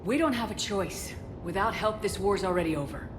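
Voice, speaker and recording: A woman's voice: medium pitch, expressive, brisk, background noise, close to an everyday voice. A woman playing a resolute, authoritative female military commander in a sci-fi game, speaking tersely. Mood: firm, urgent. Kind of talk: dramatic sci-fi game dialogue.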